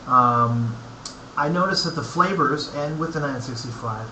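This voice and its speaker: A man giving a casual, unscripted review, speaking haltingly and thoughtfully in short phrases with pauses between them. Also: medium pitch, bright, forceful tone. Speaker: pipe tobacco reviewer. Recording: echoey room, clear background noise.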